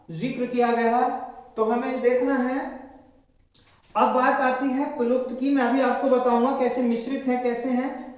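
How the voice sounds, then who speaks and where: A man's voice: very high-pitched, a little mellow. A male coaching-center teacher giving a classroom lecture. He asks questions and answers them himself, repeating the key terms. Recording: very echoey hall, dull lo-fi audio.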